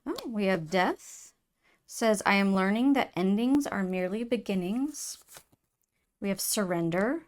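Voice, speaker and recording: A woman giving an earnest, emotional tarot reading to her viewers, soft-spoken, with many fillers and restarts. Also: mid-range voice, lively intonation, measured pace. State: tearful at times. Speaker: tarot reader. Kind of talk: intuitive tarot reading to camera.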